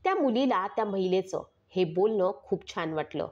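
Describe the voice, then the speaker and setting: A woman reading a true-crime story as a scripted narration, steady and measured, with dramatic pauses. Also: mid-range voice. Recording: slightly dull lo-fi recording.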